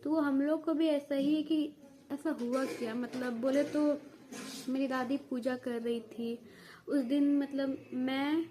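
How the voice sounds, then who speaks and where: A young woman vlogger with a high, warm voice tells viewers a family story at home, taking it slowly with fairly even intonation. She rambles casually, uses many fillers, restarts often and coughs now and then while talking straight to the camera.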